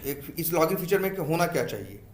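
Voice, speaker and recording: The voice is a man's, fairly high, very animated and brisk, with a little hiss or hum on the echoey room recording. As a software testing instructor lecturing his class, he fires off questions, answers them himself, and drills key terms. He blends English technical terminology into Hindi.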